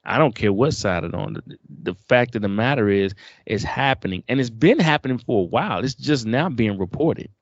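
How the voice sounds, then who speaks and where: A man's voice: medium pitch, lively intonation, fairly quick, dry recording, highs cut off. A man co-hosting a casual discussion, talking emphatically and building to heated peaks. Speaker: podcast co-host.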